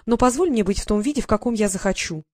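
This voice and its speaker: A woman's voice: medium pitch, lively intonation, quick pace, no room sound, studio quality, lightly acted. A woman voicing a tiny, haughty female fairy courtier who lectures and gets irritated easily. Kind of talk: audiobook character voice.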